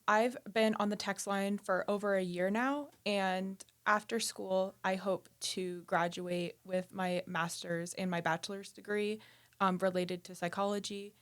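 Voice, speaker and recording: A nineteen-year-old woman answers questions in casual podcast chat. She speaks earnestly and a little haltingly, and her tone is smooth and clear. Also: medium pitch. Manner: earnest, with frequent "um" fillers. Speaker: peer support worker, podcast guest.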